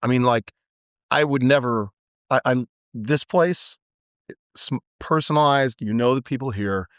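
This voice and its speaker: Middle-aged guy guest on a podcast, thoughtful storyteller, mid-pitch voice, dry close sound. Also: measured pace, clear, resonant tone, dry recording. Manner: reflective storyteller, warm and earnest. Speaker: guest, business owner and author. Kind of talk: casual chat.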